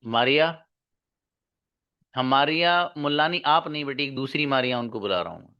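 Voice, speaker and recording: A man teaching pronunciation in an online class, drawing out and repeating each sound slowly. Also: mid-range voice, clean tone, lo-fi sound. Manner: slow, drawn-out demonstration of sounds, repeating each. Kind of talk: pronunciation lesson in Hindi and English.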